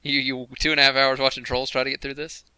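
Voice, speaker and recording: A man hosting a casual game commentary livestream, chatty and quick to laugh as he talks to the chat room. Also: mid-range voice, flat delivery, sharp tone, smooth, no echo. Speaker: host of a game commentary stream.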